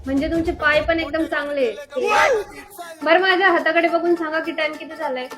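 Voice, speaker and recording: A woman acting in a comedy sketch, playing a brisk, deadpan doctor. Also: extremely high pitch. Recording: music under the voice.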